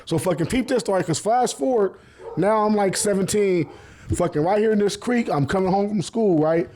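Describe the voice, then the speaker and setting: A man with a husky, fairly high voice spins casual stories for his podcast. He talks in animated street slang, swears freely and laughs often as he goes. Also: moderate pace. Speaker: podcast host. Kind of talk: casual storytelling.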